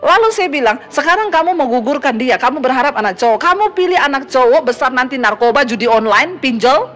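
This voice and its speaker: A middle-aged woman pastor with a high voice delivers an emphatic sermon. She swings between loud exhortation and hushed asides, and raises her voice when she quotes other people. Soft music plays faintly beneath her. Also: expressive, brisk.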